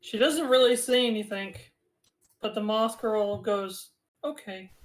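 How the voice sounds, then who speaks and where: A woman narrating a tabletop game as game master, describing scenes in a measured way with frequent fillers. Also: medium pitch, fairly even intonation, low-quality recording.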